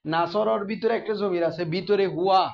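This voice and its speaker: A man's voice: sits high, a little fast, gravelly, highs cut off. A man teaching a class, often asking his students questions and repeating the key terms. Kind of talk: classroom grammar lesson.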